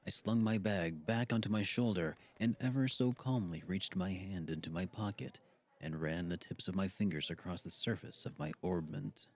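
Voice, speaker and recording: A male audiobook narrator with a lowish voice, reading in a steady, measured way. His delivery is even and deliberate, and it carries the story forward calmly. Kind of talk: scripted narration.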